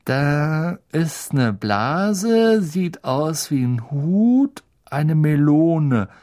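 A man's voice: a little high, big pitch swings, drawn-out words, darkish tone, voice pushed up, full character voice. A man reading an audiobook, voicing a joking teenage schoolboy with an offhand, mocking drawl.

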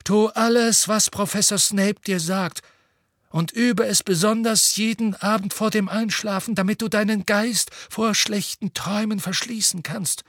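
A man voicing an old, wise wizard headmaster in an audiobook, earnest and measured. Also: sits high, steady tone, dry recording, studio quality, pitched above the performer's own voice. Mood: insistent. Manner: earnest, measured, drops to a whisper. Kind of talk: audiobook reading.

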